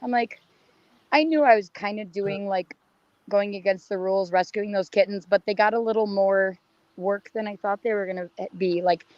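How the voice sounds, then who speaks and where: A young adult woman chatting casually as a caller, her voice hoarse and raspy as if she is losing it. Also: mid-range voice, moderate pace, dry recording. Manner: raspy, strained talk. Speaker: caller, college student. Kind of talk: casual chat. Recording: dull lo-fi online audio.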